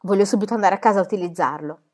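A woman reading aloud, voicing a bold, cheerful girl who tells tall tales with lively exclamations. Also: mid-range voice, racing, natural voice. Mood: bold, cheery.

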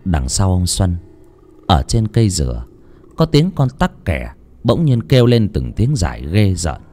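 A man narrating a horror audiobook in a dramatic, expressive way. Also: low voice, unhurried, slight background noise. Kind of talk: scripted horror story narration.

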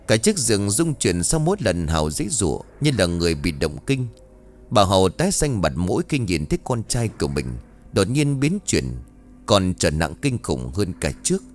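A man narrating a scripted ghost story in a dramatic, expressive way. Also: low voice, normal speed, slight background noise. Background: faint music.

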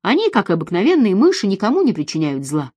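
A woman reading a calm, lecturing man. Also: mid-range voice, fast talker, slightly rough, no room sound. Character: calm reasoning man, patient and skeptical. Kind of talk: audiobook reading.

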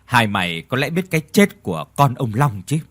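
A man voicing a secretive old male former exorcist who talks low and confiding. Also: very animated, fairly quick. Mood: hushed, grave.

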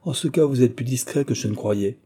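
A man's voice: mid-range voice, brisk, mellow, breathy edge, natural voice. A man voicing a sly male lackey who gossips in a knowing, teasing way in an audiobook.

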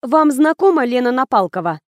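Woman voicing a stern woman investigator, curt, commanding, higher voice. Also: big pitch swings, a little fast, darkish tone, no room sound, studio quality.

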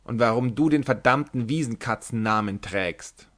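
A rough, boisterous sailor, as a male storybook reader puts him on, blunt and loud. He coaxes and demands in the same breath. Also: mid-range voice, moderate pace, close to an everyday voice. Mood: demanding. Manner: shouting, blunt and coaxing.

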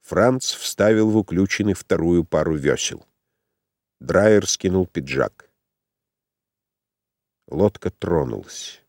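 A man with a very deep, low voice reads a literary audiobook. He is measured and unhurried. The recording is close and dry, with no room sound. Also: a little mellow, no echo. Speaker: audiobook narrator.

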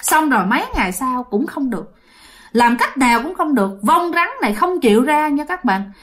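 A woman's voice: high voice, normal speed. A woman with a Southern Vietnamese accent telling a ghost story, speaking straight to her listeners. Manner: lively, addresses listeners directly.

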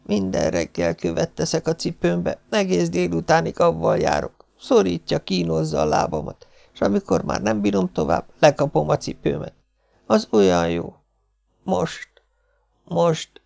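A man's voice: mid-range voice, gravelly, darkish tone, voice pushed up. A man voicing an odd, boastful little schoolboy who talks in an eager, confiding way. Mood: whispering.

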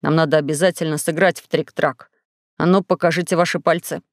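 A woman voicing a cheerful, playful male alien star traveler in an audiobook, speaking in a lowered, coaxing tone. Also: fairly even intonation, a little fast, no echo, studio quality. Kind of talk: audiobook character voice.

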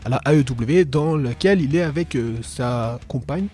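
A man's voice: medium pitch, moderate pace, dark tone. A man co-hosting a casual podcast chat, talking with many hesitations and fillers. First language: French. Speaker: podcast co-host.

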